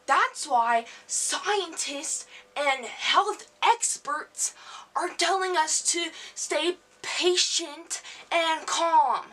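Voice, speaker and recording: A woman playing an exasperated lecturer, high and slow. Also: sharp tone, far from the mic, full character voice. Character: exasperated woman scolding apocalypse panic. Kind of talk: film monologue.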